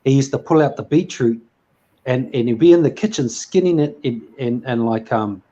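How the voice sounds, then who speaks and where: A man's voice: mid-range voice, moderate pace, dark tone, highs cut off. A man hosting a casual chat, rambling with lots of fillers and restarts. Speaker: host.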